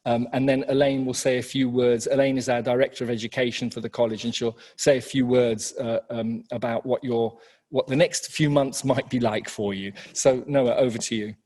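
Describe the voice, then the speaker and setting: A man who heads a university college, giving a measured welcome address from a senate chamber with frequent ums and restarts. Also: medium pitch, flat delivery, a little mellow. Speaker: head of college, webinar host.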